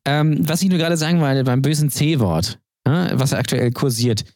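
A man's voice: a little high, normal speed, a little mellow, dry recording, clean studio sound. A man co-hosting a podcast, talking at length in an opinionated, rambling way with many fillers. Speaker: podcast co-host. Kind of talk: casual podcast banter.

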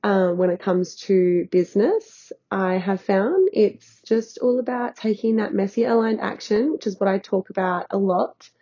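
A woman with a stuffy, nasal voice from being sick talks slowly and unhurriedly in a casual solo podcast chat. Her tone is soft and mellow, and she rambles loosely as a healing coach would. The sound is slightly dull, like a lo-fi recording made at home on a bed. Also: mid-range voice, lively intonation, slightly rough. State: nasal and congested from illness.

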